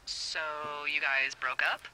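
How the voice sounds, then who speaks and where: An actress voicing a wry, teasing woman fire lookout who talks over the radio in a video game, playful and quick to laugh. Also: rumbling low, sharp tone, slight background noise, exaggerated voice, poor audio.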